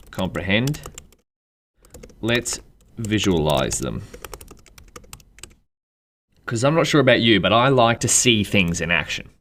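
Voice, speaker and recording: A man with an Australian accent, talking through a coding tutorial in a relaxed, chatty way and thinking aloud while he types. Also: fairly low pitch, a little hiss or hum. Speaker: programming instructor. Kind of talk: screen-recorded coding tutorial. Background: keyboard typing.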